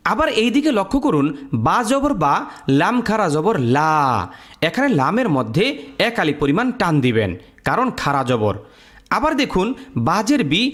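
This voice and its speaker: A man's voice: sits high, a bit bright. A man teaching Quran recitation rules step by step, drilling letter sounds in a sing-song, teacherly way. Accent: Bangladeshi Bengali. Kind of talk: step-by-step lesson.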